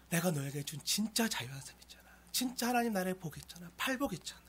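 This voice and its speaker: A man preaching a sermon as pastor, moving between loud pleading and hushed, near-whispered lines. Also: sits high, slightly rough.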